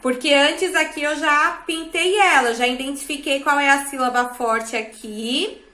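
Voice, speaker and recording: Bright high-voiced Brazilian woman teacher. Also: measured pace, echoey room. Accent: Brazilian Portuguese. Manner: patient, checks understanding with frequent tag questions. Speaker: schoolteacher. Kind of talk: classroom instruction. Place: classroom.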